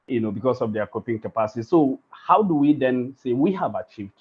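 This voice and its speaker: A man speaking as a panelist in a webinar, halting and often rephrasing as he goes. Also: mid-range voice, animated, slightly rough. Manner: halting, circling back to rephrase. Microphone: video call. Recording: lo-fi call audio.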